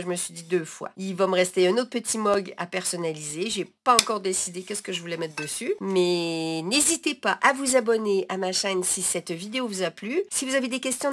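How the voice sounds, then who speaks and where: A woman's voice: fairly low pitch, slight background noise. Chatty woman teaching crafts. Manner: chatty, explains each step as she works; energetic, laughs easily. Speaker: crafting instructor. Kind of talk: hands-on craft tutorial. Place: at a work table.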